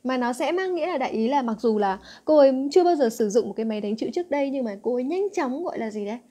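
A woman's voice: high voice, animated, very fast, warm tone. A young woman teaching an English exam-answer lesson, coaxing her students with frequent check questions. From Vietnam.

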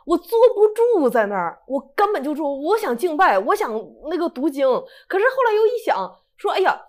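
Brief: woman, 30s, quick chatty storyteller, slightly high voice. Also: sing-song. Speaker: guest sharing a testimony. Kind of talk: casual testimony storytelling.

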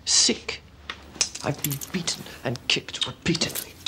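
A man's voice: a little high, unhurried, noisy background, close to an everyday voice. A man playing a defiant, curt prisoner. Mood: defiant anger. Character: defiant battered male political prisoner. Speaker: political prisoner.

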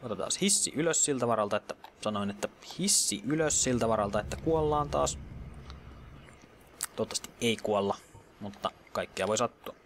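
A man's voice: on the low side, fairly bright tone, slight background noise. A man giving casual let's play commentary, chatty and muttering, sometimes dropping to a whisper in tense moments and mixing in English gaming slang.

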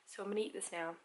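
A young woman vlogging casually to camera from a hotel room, hoarse and losing her voice, chatty and self-mocking. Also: medium pitch, sharp tone, a little hiss or hum. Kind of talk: casual vlog chat to camera.

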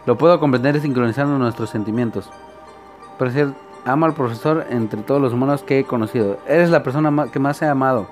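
A man reading as a gentle devoted Martian girl. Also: mid-range voice, brisk, faint music behind, lightly acted. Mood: tender. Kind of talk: reading game dialogue aloud.

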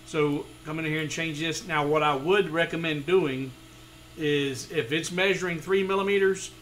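A man in his forties walking through a woodworking design file step by step, with relaxed explanations and frequent fillers. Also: fairly high pitch, normal speed, slight background noise, low-quality recording. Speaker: woodworking tutorial host. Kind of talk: screen-recorded software tutorial. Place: home studio room.

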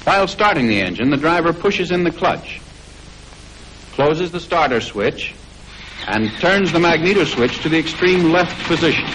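This 1940s military training film is narrated by an American man whose fairly high voice sounds expressive and a bit bright. He reads with formal, measured precision, as if following a script, over a somewhat noisy vintage soundtrack.

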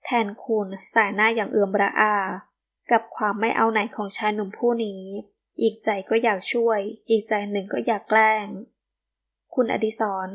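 A woman's voice: medium pitch, level tone, fairly quick. Woman narrating an audiobook. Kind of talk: scripted narration.

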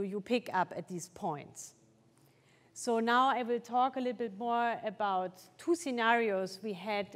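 A middle-aged woman giving a conference talk on wine research, hesitant, with many fillers and restarts, in a large lecture hall. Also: mid-range voice. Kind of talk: conference presentation. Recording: long hall reverb.

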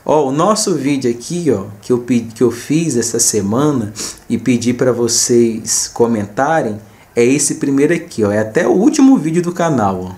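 A man's voice: medium pitch, expressive, normal speed, a little mellow. Brazilian man casually narrating his screen. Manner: addresses viewers informally, repeats himself. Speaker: host of a small gaming video channel.

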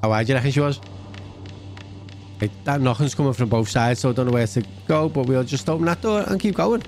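A man's voice: medium pitch, fast, a little mellow, soft background music. A man around his thirties or forties giving casual, chatty let's-play commentary, thinking aloud close to a desk mic. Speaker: gaming channel host. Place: indoors at a gaming setup. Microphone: desk microphone, close.

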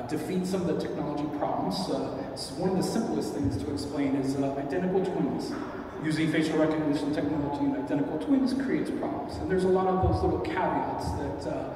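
A man on a conference panel, explaining technology in a steady way. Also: a little high, a little hiss or hum. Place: large conference hall. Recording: echoey hall recorded from far off.

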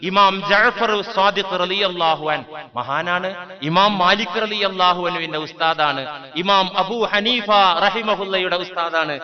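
A male Islamic preacher giving a sermon. He chants scripture slowly, then explains it phrase by phrase and puts rhetorical questions to his listeners. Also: high voice. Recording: dull lo-fi recording with a crowd audible.

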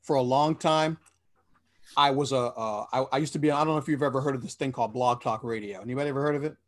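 A man in his forties speaks quickly in a mid-range voice on a video-call panel, wearing a headset in a small room at home. He's earnest and explanatory, often restarting his sentences.

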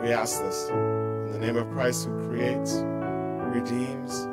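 A middle-aged man preaching a sermon from a church pulpit, measured and earnest, his voice softening at the ends of phrases. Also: mid-range voice, steady tone, over loud music. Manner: slow, measured and earnest, voice dropping softly at line ends. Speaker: pastor. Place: church sanctuary, behind a wooden pulpit.

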